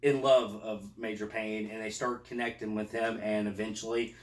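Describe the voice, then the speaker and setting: A man's voice: lowish voice, level tone, normal speed, reverberant, distant mic. A man casually chatting about a movie he loves, swearing freely and laughing as he recalls scenes. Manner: laughing, profane, quotes scenes in put-on voices. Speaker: podcast co-host.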